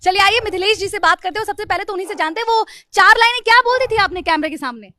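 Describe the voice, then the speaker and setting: Woman reporter, field interview, lively prompting questions, sharp tone, very dry sound. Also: extremely high pitch, quick pace, no echo.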